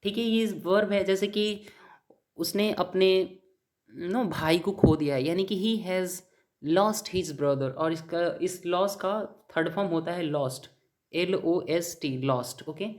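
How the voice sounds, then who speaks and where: A man's voice: high-pitched, takes it slowly. A man teaching an exam-prep vocabulary lesson, spelling words out letter by letter and asking questions that he answers himself. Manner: asks the class a question, then answers it himself; mixes in English words and spells them out letter by letter. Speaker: English teacher.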